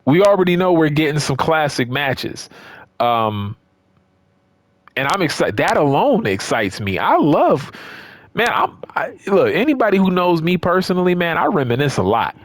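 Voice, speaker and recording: This gaming YouTuber's fairly high-pitched voice is very animated as he speaks at normal speed, casually and unscripted, to his viewers. He emphasizes things through repetition and keeps checking in with them, all in a dry recording.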